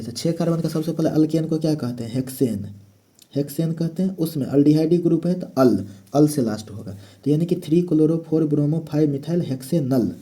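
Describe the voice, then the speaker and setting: A man's voice: a little high, warm tone. A man teaching a chemistry lesson step by step, asking questions and answering them himself. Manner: step-by-step explaining, asks and answers his own questions. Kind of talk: classroom lecture.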